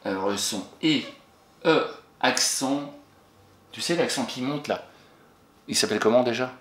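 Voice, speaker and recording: A man teaching a young child, spelling words slowly letter by letter and warmly praising answers he pretends to hear. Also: medium pitch. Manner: encouraging, talks to an absent pupil and pauses for answers. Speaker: primary school teacher. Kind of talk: recorded spelling lesson for a child. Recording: echoey room with faint noise.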